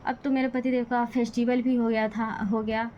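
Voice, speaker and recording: A woman's voice: on the high side, little pitch movement, normal speed, warm tone, muffled recording, a little hiss or hum. A young woman talking in a casual vlog, venting with bitter, defiant frustration about her family. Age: young adult. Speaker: vlogger. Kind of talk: casual personal vlog talk.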